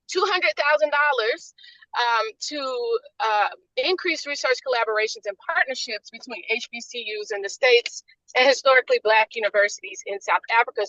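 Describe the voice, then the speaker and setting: Bright-voiced woman on a car speakerphone. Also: on the high side, dry recording. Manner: steady and earnest, with frequent ums. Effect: car speakerphone call. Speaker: nonprofit founder speaking up in an online meeting. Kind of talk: casual spoken comments in a video call. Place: inside a car while driving. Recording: dull lo-fi phone audio from a car.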